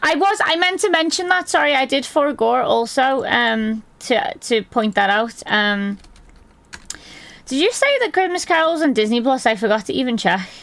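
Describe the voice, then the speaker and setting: A woman streamer with a hoarse, gravelly voice chats casually with her live viewers from her desk, rambling and laughing often. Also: high-pitched, lively intonation, normal speed, fairly bright tone, dry recording. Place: at a desk indoors.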